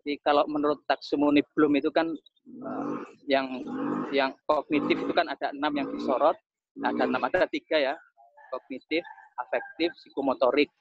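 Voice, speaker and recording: A man's voice: mid-range voice, moderate pace, gravelly, husky, no room sound. A man lecturing over a webinar in a casual, chatty way, repeating his phrases as he explains. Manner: conversational, repeats phrases, chatty with local asides. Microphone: video call. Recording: slightly dull, dry online audio.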